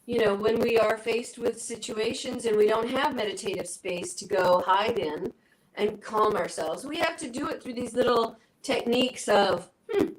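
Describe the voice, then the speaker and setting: Higher-voiced woman acting out inner dialogue. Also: normal speed, a crowd in the background, poor audio. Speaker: guest, spiritual healer and coach. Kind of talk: conversational interview.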